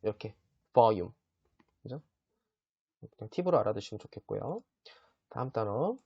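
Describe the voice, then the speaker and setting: A man teaching English vocabulary in a casual lesson, chatty and often checking in with his listeners, sounding words out slowly. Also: on the low side, lively intonation, vocal fry, slightly rough, no room sound, highs cut off. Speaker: English tutor.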